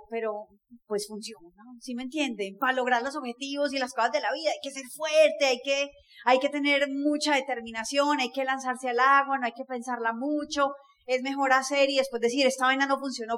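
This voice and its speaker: A woman in her forties with a high voice speaks to a live audience. Her delivery is forceful and emphatic. She laughs often and works the crowd as a motivational speaker. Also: fairly even intonation, moderate pace.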